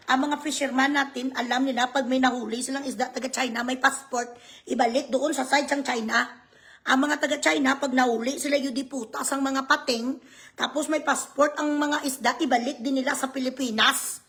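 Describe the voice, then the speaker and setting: Woman, high voice, mocking vlog rant, sarcastic, cursing. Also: a bit bright. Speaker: vlogger. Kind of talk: ranting vlog commentary.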